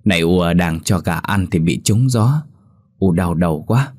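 A man's voice: low voice, lively intonation, normal speed, darkish tone, no echo, studio quality. A man voicing a sick grandmother, speaking weakly and apologetically. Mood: feeble apology. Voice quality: weak, breathy. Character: frail sick old grandmother over eighty, meek and apologetic.

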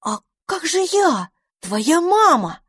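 A woman voicing a tiny, excitable mouse boy who pleads in a shrill voice. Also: takes it slowly, no room sound, studio quality, full character voice. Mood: pleading.

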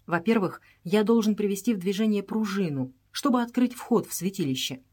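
A woman's voice: medium pitch, lively intonation, fairly quick, warm tone, slightly rough. A woman reading the lines of a devoted young Indian servant in an audiobook, deferential and full of urgent warnings.

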